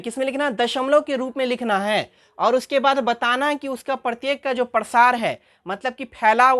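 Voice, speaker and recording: A woman's voice: fairly high pitch, a bit bright. A woman teaching a math lesson who asks her class questions, answers them herself and repeats the key terms.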